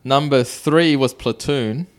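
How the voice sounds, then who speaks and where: A man's voice: medium pitch, slow pace. A man co-hosting a podcast, reading out film trivia with hesitant fillers. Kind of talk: casual chat.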